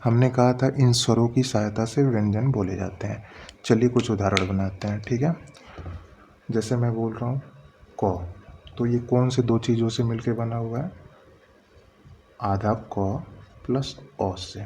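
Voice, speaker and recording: Guy teaching grammar real slow, low mellow voice, sounds out each letter, bit of hiss. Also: fairly even intonation. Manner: patient, step-by-step explaining, repeats and sounds out letters. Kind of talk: Hindi grammar lesson.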